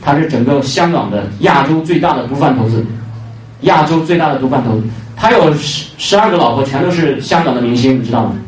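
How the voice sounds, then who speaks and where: A man preaching an evangelistic sermon with emphasis, repeating key phrases and pausing on fillers between points. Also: medium pitch, expressive. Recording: roomy, distant mic, faint noise.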